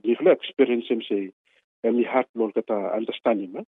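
A man with a Melanesian accent giving halting interview answers in Solomon Islands Pidgin mixed with English, drawing out and repeating words. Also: medium pitch, breathy edge, no room sound. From Pacific Islands. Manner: halting, with drawn-out words and repetition. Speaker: interviewee, regional meteorology official. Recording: tinny phone-like radio line.

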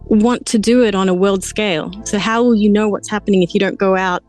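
A woman's voice: mid-range voice, steady tone, a little fast, darkish tone, faint music behind. Thoughtful woman scientist. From Melbourne, Australia. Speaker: cancer biologist. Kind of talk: interview answers.

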